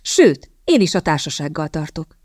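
A woman's voice: low voice, big pitch swings, darkish tone, no echo. A woman reading the lines of an irritated, sardonic young lord in an audiobook. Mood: wry. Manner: dry, sardonic.

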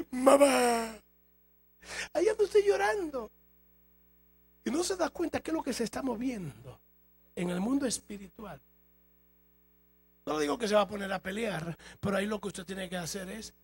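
A man preaching a sermon as a pastor, emphatic, his loudness rising and falling. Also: high-pitched, breathy edge. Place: church hall.

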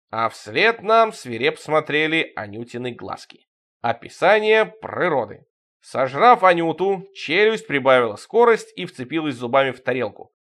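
A man's voice: on the high side, fairly bright tone. A man narrating a surreal comic story in a theatrical, bouncy reading style.

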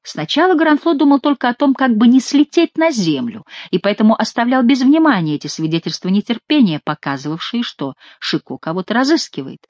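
A woman narrating an adventure audiobook, reading in a lively, expressive storytelling manner. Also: a little high, a little fast, hardly any pauses, dry recording, highs cut off. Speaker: audiobook reader.

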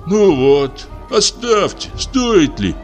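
A man voicing a fussy, embarrassed middle-aged go-between who tries to smooth things over. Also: high-pitched, sing-song, slow pace, faint music behind, pitched above the performer's own voice, heavily acted. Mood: placating. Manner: embarrassed, placating.

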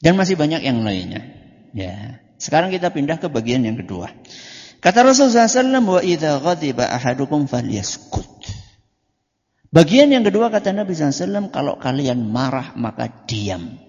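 Lively high-voiced preacher. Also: male voice, fast talker. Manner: asks the audience questions and answers them himself, joking; swings between loud and soft delivery. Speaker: Islamic preacher. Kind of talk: religious study lecture. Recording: dull lo-fi recording in a reverberant hall.

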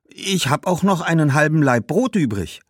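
A man's voice: on the high side, expressive, moderate pace, no room sound, studio quality, pitched above the performer's own voice. A man voicing a friendly, eager young girl from a village, earnest and pleading. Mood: eager bargaining.

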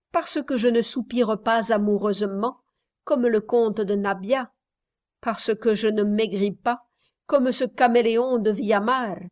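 Woman voicing a frank sarcastic young guy from a storybook, slow, higher. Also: close to an everyday voice. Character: blunt, frank young man.

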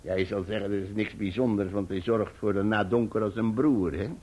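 An actor playing Peggotty, an older, hearty and emotional fisherman who talks in a rough, jovial way and laughs often in a radio play. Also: lowish voice, fairly even intonation, fairly quick, a little mellow, close to an everyday voice.

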